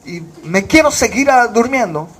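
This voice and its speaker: A man's voice: very high voice, expressive, moderate pace, a bit bright, husky. A man from Bolivia preaching a sermon as pastor, fervent, with rhetorical questions.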